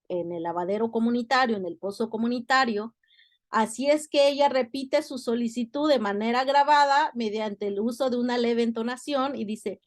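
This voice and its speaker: Brief: woman academic, high voice, dry close sound, careful explaining with filler pauses. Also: dry recording. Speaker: university lecturer. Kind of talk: academic lecture.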